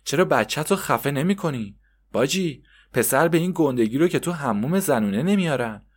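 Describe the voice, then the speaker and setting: A man voicing a snobbish heavyset woman in a bathhouse who scolds in a shrill, contemptuous way. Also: lively intonation, slightly rough. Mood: scornful.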